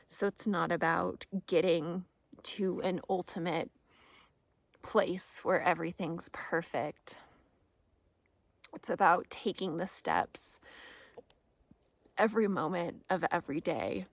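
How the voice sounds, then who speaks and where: A woman giving a calm, earnest grounding meditation talk as a guide, speaking deliberately with pauses and repeated phrases. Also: on the low side, gravelly, no room sound. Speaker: meditation guide and practice host.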